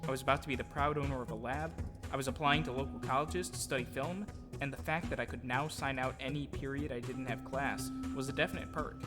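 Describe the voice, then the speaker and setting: A narrator and audio drama producer-actor reads a scripted story from his own life, reflective in the way an audio drama narrator would be. His voice is medium in pitch with fairly even intonation, and his pace runs a little fast. Clear music plays behind him, and a long reverb tail trails his words.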